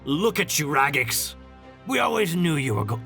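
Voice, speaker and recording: A vengeful hobgoblin warrior who talks like a gloating pirate, put on by a man running a tabletop game. The threats are slow and bright-edged, with lively swings in pitch. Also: creaky, full character voice. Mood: menacing. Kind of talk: tabletop role-play. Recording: music behind the voice.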